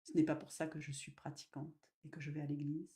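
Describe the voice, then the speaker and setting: A woman medium giving a spiritual live talk, gentle and slow, with sudden loud emphasis and soft drops. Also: sits low, little pitch movement.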